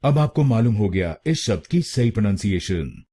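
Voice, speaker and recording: A man giving a scripted pronunciation lesson, speaking slowly and carefully and repeating each syllable. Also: on the low side, sing-song, mellow, breathy edge. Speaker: pronunciation teacher.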